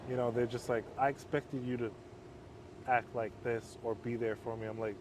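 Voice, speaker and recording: A calm man in a mid-range, self-professed monotone chats casually as an interview guest, recorded outside with street noise. He counsels at a halfway home and speaks in a measured way.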